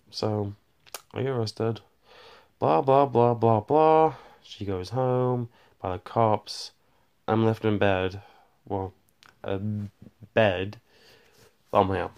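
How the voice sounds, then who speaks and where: A man rambles through a casual storytime, keeping his voice low and gravelly. He glosses over details with repeated filler and records on a phone he holds in his hand. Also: extremely slow, long pauses, a little mellow. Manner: rambling, fills gaps with "blah, blah, blah". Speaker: vlogger. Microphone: handheld phone.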